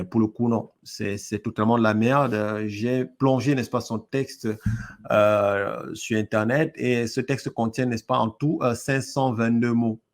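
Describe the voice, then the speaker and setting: A man giving a scornful, sarcastic spoken review of rap lyrics, with frequent hesitations and pointed asides. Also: on the low side. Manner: scornful, sarcastic, leans on "n'est-ce pas" and hesitant fillers.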